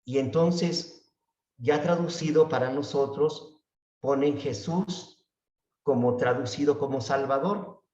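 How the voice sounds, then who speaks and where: A man teaching a slow Bible study class, often checking in with his listeners and drawing out the words he repeats. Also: medium pitch, a little mellow. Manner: unhurried, often asks "¿verdad?" and draws out words he repeats. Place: church room. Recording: echoey room, voice far from the mic, dull sound.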